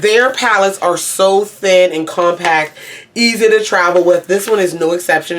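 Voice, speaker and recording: Rambling low-pitched woman reviewing makeup. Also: a little hiss or hum. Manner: rambling, often doubles back and repeats herself. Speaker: beauty reviewer. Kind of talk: casual makeup review to camera.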